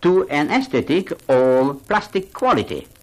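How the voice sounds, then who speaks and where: A man's voice: on the high side, measured pace, faint music behind, poor audio. An older man from Hungary, speaking earnestly in as a gallery owner in a radio interview. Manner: animated, earnest, non-native phrasing. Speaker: art gallery owner and collector.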